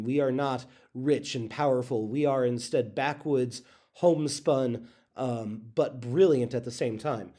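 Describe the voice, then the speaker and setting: Teacher type: man, mellow and loose, lots of ums and restarts. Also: medium pitch. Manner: casual, halting, with many fillers and self-corrections. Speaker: history teacher. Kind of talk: recorded classroom lecture.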